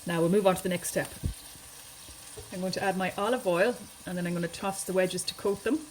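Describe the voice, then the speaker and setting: A woman's voice: on the low side, steady tone, brisk, slight background noise, low-quality recording. A woman hosting a home cooking video, chatting casually and thinking aloud as she cooks in her kitchen. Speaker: home cooking channel host.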